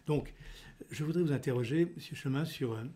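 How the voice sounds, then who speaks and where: An older man, a politician serving as podcast host, conducts an interview in an indoor office using a desk studio microphone. His voice is a little high, brisk, and dark-toned, and he asks long formal questions with hesitant fillers.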